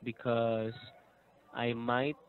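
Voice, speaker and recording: A man's voice: mid-range voice, little pitch movement, drawn-out words, slight background noise. A man in his thirties teaching an English lesson over a call, patient and encouraging, laughing often. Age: 30s. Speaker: English tutor. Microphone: video call. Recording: tinny phone-like line.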